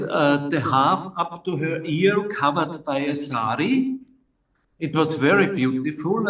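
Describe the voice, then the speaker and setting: An older man from Austria with an Austrian German accent, telling his personal story in a slow, halting way with many pauses. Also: fairly high pitch, a bit bright. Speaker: interviewee. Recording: echoey room, distant mic.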